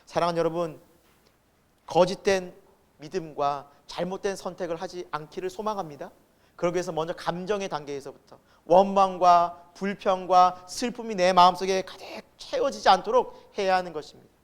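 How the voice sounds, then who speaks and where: A man preaching a Sunday sermon as pastor, asking the congregation rhetorical questions and acting out quoted voices, with sudden loud emphasis and soft asides. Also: high voice, steady tone, normal speed.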